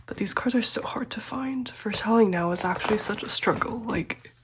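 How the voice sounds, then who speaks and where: Feeling a little unwell and congested, a young woman gently narrates her photocard collecting vlog at a normal pace. Her voice sits on the high side, drops to a half-whisper often, and is dotted with ums and quiet laughter.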